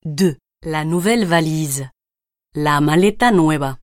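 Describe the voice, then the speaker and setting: A woman's voice: sits low, slow, dry recording, clean studio sound. A woman reading example phrases on a recorded language lesson, carefully enunciating each one. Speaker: example reader.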